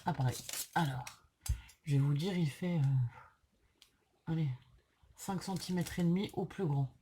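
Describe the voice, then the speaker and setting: Casting: female craft vlogger, low voice, sick with tonsillitis and sore-throated, apologetic casual delivery, faint background noise. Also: slow, dark tone. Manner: hesitant, apologetic, chatty. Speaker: craft channel host. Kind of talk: casual unboxing vlog.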